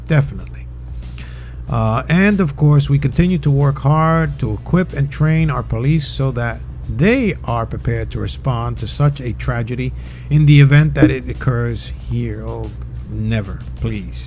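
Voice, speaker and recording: A man's voice: medium pitch, unhurried, a little mellow, soft background music. A man hosting a local news show, reading notices in a casual, rambling way with muttered off-the-cuff asides. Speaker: host of a local town news podcast.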